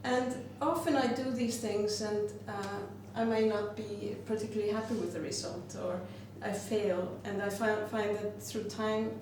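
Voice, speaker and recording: A woman's voice: medium pitch, fairly even intonation, a little slow, hardly any pauses. A woman, a glass artist presenting her work in a reflective way, often stopping to search for words. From Iceland. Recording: very roomy, distant mic, noisy background.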